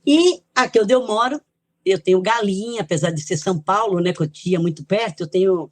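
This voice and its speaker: She's an older woman from Italy appearing as a guest author on a podcast, recounting her life in a reminiscing, chatty style with light laughs between thoughts. Her mid-range voice runs a little fast and has a darkish tone. The recording is dry and close, with no room echo.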